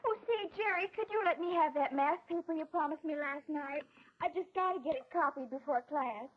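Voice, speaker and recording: A young woman with an American accent playing a friendly, eager high school girl in a 1940s instructional film. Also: brisk, close to an everyday voice. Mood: breezy, sociable. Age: young adult. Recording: dull, lo-fi 1940s film soundtrack.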